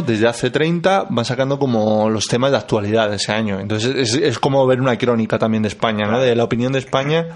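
A man from Spain co-hosting a podcast, chatting in a jokey, sarcastic way. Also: medium pitch. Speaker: podcast co-host. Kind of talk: casual comedic chat.

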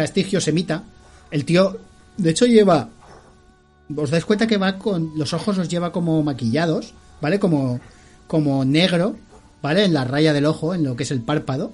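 A man narrating as game master, explaining rules and often checking in with the players, laughing along. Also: fairly high pitch.

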